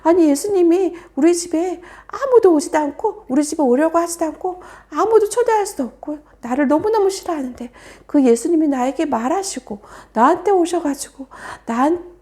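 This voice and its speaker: A woman's voice: very high voice, animated, normal speed, dark tone. A woman voicing a short, greedy male tax collector, with exclaimed questions in a storytelling manner. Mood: disbelieving.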